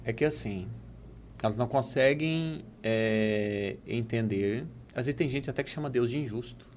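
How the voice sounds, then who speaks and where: A man with a Brazilian Portuguese accent speaks as a coach and guest, emphatic and a bit preachy, mixing chat with parables. His voice sits at a middle pitch, with faint noise in the background. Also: a little slow, darkish tone. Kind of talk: casual chat with storytelling.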